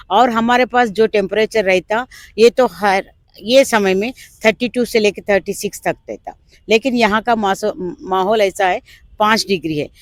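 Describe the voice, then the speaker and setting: A woman's voice: mid-range voice, no room sound. A woman from South India leading a protest, speaking fervently in an interview at an outdoor demonstration. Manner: fervent, rises to shouting slogans. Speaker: protest leader. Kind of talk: impassioned protest speech.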